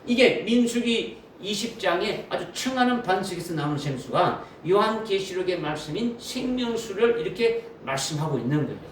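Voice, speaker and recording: A man's voice: high-pitched, expressive, moderate pace, hardly any pauses. A man preaching a sermon as pastor, often asking the congregation questions and repeating key phrases. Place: church sanctuary. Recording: roomy echo from a distant mic with faint noise.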